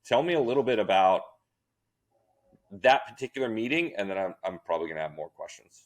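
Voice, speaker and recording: Deep-voiced podcast host. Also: male voice, big pitch swings, brisk. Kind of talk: interview questions.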